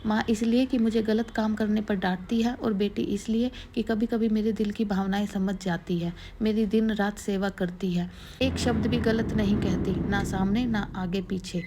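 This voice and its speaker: A woman voicing a sharp-tongued older mother-in-law who scolds and taunts, in a spoken storybook. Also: mid-range voice, steady tone, moderate pace, background noise, lightly acted. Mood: fierce. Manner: nagging, scolding.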